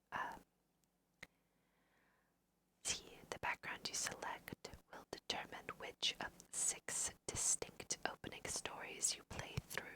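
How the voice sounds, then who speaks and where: Hosting an ASMR gaming video, a young woman offers let's-play commentary in a soft, breathy whisper. She guides listeners through the game in a gentle, unhurried, hushed way.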